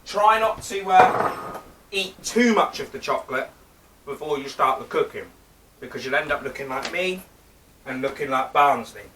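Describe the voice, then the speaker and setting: A man's voice: on the high side, animated, moderate pace, roomy sound, recorded from a distance, background noise. Chatty man hosting a kids' cooking show. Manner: chatty, playful, talks straight to children and teases a companion. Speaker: children's show presenter. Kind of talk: live cooking demonstration for kids. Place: theatre stage.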